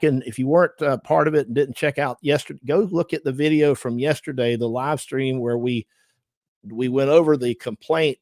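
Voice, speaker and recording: A man's voice: medium pitch, darkish tone, no room sound. Middle-aged georgia guy w/ southern accent hosting a livestream, chatty, lots of ums, dry room. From Georgia, USA. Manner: chatty, thanks viewers, frequent fillers. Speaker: livestream host and lawyer. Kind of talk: casual livestream commentary.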